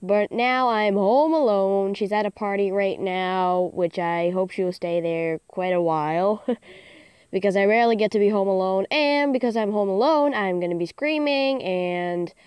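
Recorded on her phone's screen-recording mic, a teenage gaming-channel host rambles through casual let's-play commentary, hyper and giggly, saying "like" constantly. Her medium-pitched voice is clear and resonant at a moderate pace. The sound has no echo but is muffled.

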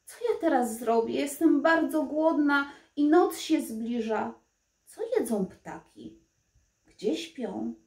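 A woman voicing a spoiled young princess turned into a crow, cawing in a high plaintive voice. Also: slow pace, a little mellow. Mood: worried. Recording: roomy echo.

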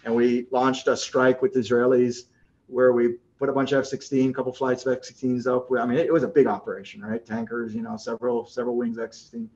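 A man giving a conference talk as a space agency director, animated and rambling, with frequent restarts and fillers. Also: medium pitch, fast talker, husky, lo-fi sound.

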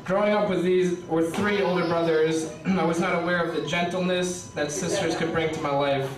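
Young guy reading a rhyming toast at a wedding, highish voice, far off in an echoey hall, hissy. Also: fairly even intonation. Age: young adult. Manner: reads rhymes aloud, pausing for laughs. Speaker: best man. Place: wedding reception hall, indoors. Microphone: stand mic, filmed by a far camera. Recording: roomy hall audio from a distant camera. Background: guests laughing.

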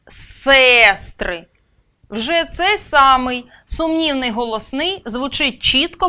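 A woman teacher explains a grammar lesson in a high, bright voice. She speaks in a deliberate, well-paced way. She lifts and drops her tone a lot to stress each key word. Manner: clear, deliberate, stresses words.

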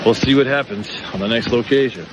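A man's voice: medium pitch, fast, dull audio, background noise. A man narrating a casual adventure vlog while hiking and exploring mine tunnels, laid-back and chatty with many fillers. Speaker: vlogger exploring mines.

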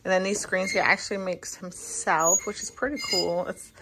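A relaxed woman in her thirties chats straight to her viewers, filmed on a phone held at arm's length inside a parked car. Her voice sits a little low, and a faint hiss runs under it. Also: moderate pace. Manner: chatty, relaxed, speaks to viewers as a friend. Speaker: vlogger. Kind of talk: casual vlog talk. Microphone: phone camera at arm's length.

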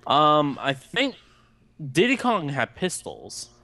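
A man's voice: a little high, wildly swooping pitch, slow, vocal fry, sharp tone, no echo. A young man casually chatting during a video game, sharing trivia and laughing easily. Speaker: let's play co-host. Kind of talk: casual gaming chat.

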